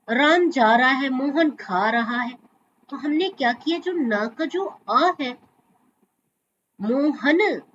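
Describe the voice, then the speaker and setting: A woman with a fairly high voice leads a Sanskrit lesson at a slow, deliberate pace. She recites verses and demonstrates pronunciation by drawing out single sounds. Her voice comes through a muffled video-call line with a faint hiss underneath. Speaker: Sanskrit teacher.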